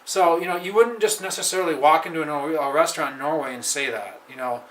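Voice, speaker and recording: An American man giving a casual, halting spoken lesson on a phrase he is learning, with frequent restarts and slow repetitions of practice phrases. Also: a little high, fairly bright tone. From United States. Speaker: language learner vlogger. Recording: echoey room, faint ambient noise.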